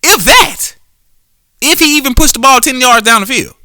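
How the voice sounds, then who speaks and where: Very high-pitched and animated, a man with a sharp tone talks at a moderate pace on his solo podcast. He's a former quarterback covering sports in a loose, profane way, full of restarts and self-corrections, captured at studio quality without echo.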